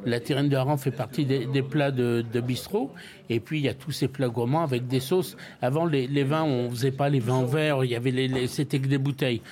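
Older French man, halting storyteller. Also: medium pitch, steady tone, darkish tone. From France. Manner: hesitant, frequent repeated words and restarts. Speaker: restaurant owner. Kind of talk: interview, casual storytelling.

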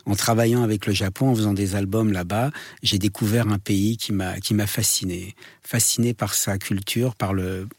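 Interview guest: man, middle-aged, French accent. Dry close sound, somewhat low voice, halting conversational explanations with repeated words. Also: fairly even intonation, dry recording.

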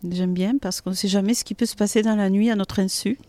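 Mellow woman with a Toulouse accent. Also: medium pitch, fairly even intonation, quick pace, no room sound. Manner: hesitant, searching for words, often chuckling. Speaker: guest, metro announcer and singer. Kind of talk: conversational interview. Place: hotel courtyard in city centre.

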